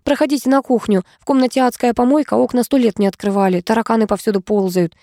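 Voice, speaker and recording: A woman's voice: on the high side, steady tone, fast talker, warm tone, close to an everyday voice. A woman voicing a brash, stingy young woman who blurts out her words in a rush and sounds scornful. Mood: blurting.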